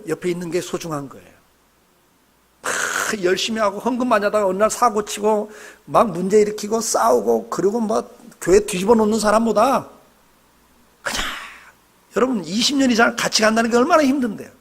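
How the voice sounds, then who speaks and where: A middle-aged man preaching a sermon in a church. His voice sits high and sounds husky and breathy. He exhorts and urges the congregation to answer back. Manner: emphatic, exhorting, calls on the congregation to respond. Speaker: pastor. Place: church sanctuary.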